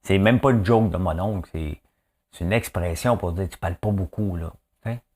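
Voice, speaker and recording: A man's voice: deep voice, moderate pace, a little mellow, husky. A man with a Québécois accent hosting a casual daily news commentary, chatty and joking, with frequent fillers and asides. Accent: Québécois French. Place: rural home in the countryside.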